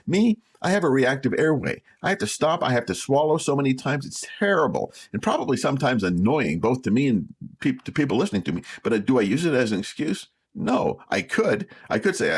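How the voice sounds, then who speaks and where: A man with a fairly low voice that swings widely in pitch, talking straight to camera in a vlog. He encourages and teases by turns, driving points home by repeating them. The delivery is plain and conversational. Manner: encouraging, repeats key phrases for emphasis; plainspoken, teasing rhetorical questions. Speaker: vlog host. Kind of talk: motivational talk to camera.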